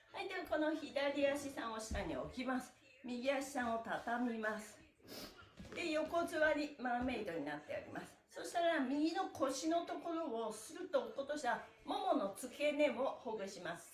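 Cheerful and encouraging, a middle-aged female stretching instructor calls out sing-song counts as she demonstrates during a live exercise class. Her voice is fairly high and very animated, and because the mic sits at a distance in a small, bare room, everything sounds reverberant.

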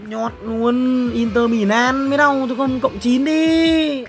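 A young man, streaming himself opening player packs in a football game. He is excitable and swings from loud exclamations to low muttering. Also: measured pace. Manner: excitable, exclamatory, jumps between shouting and muttering.

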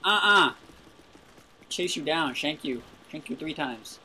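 A young man giving live gameplay commentary, frustrated and swearing loudly at other players. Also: a little high, moderate pace, slight background noise. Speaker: gaming video host.

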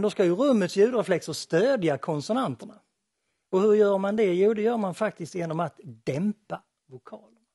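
A man's voice: high voice, a little mellow, breathy edge, dry recording, studio quality. A man giving an explanatory lecture presentation on acoustics, with a light touch of humor.

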